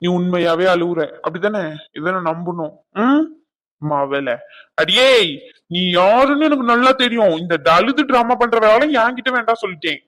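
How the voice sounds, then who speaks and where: A sarcastic, hot-headed young cousin, voiced by a man, scolding and mocking in a cartoon skit. His voice sits high and swings widely, with a bright, forceful edge. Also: animated, normal speed, no echo.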